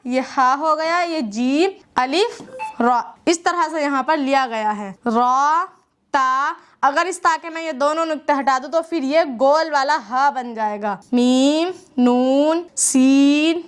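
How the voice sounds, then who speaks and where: Slow, high-voiced woman teaching letters. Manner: patient, drawn-out letter names, pointing at the page. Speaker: Quran reading teacher. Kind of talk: slow step-by-step letter lesson.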